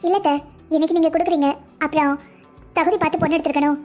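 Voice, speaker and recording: A young bride from a family cartoon, voiced by a woman, polite yet firm as she talks. Her voice is high and quick, with faint music behind. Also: fairly even intonation, a little mellow, close to an everyday voice. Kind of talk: cartoon dubbing.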